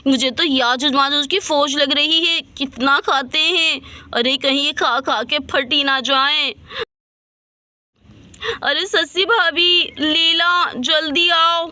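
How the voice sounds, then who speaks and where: Dramatic gossip, exclaiming in disbelief, high and bright, voiced by a woman. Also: fairly even intonation, takes it slowly, no echo, heavily acted. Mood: scandalized. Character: gossiping young village woman, dramatic and scandalized.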